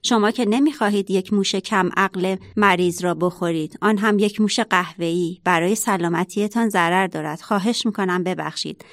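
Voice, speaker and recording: A woman's voice: mid-range voice, hardly any pauses, no room sound, studio quality, lightly acted. A woman voicing a timid male mouse servant in a children's story, pleading and anxious.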